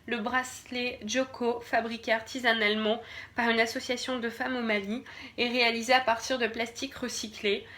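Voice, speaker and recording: A woman's voice: fairly high pitch, flat delivery, normal speed, fairly bright tone. A woman from France doing a casual unboxing video, hesitant, with many fillers and restarts, sometimes dropping to a murmur while she checks products. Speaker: beauty box reviewer.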